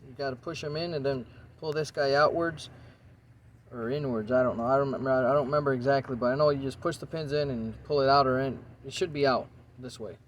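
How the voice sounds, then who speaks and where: A man talks through a car repair in an easygoing, rambling way. He thinks aloud with fillers while he works, his voice at an average pitch. He is recorded on a handheld phone inside a car, with faint noise in the background. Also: brisk. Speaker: car repair video maker. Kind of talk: casual how-to narration.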